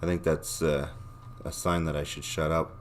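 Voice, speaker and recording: Reading viewer comments aloud as he wraps up a casual livestream, this male host is rambling, blunt and profane, his voice a touch worn like it's giving out. It's a rumbling low voice with flat delivery at normal speed, plus a little hiss or hum in the recording.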